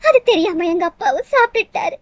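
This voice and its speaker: A woman's voice: very high voice, expressive, fast, no echo. A woman voicing a vengeful ghost girl. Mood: grim. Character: murdered young village woman's ghost, bitter, vengeful. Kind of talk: dramatic storytelling narration.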